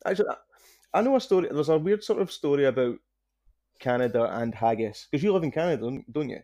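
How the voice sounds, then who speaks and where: A man's voice: a little high, lively intonation, fast talker, mellow. A man with a broad Scottish accent, chatting casually as a podcast guest and taking care to enunciate his words. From Scotland. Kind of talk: casual conversation.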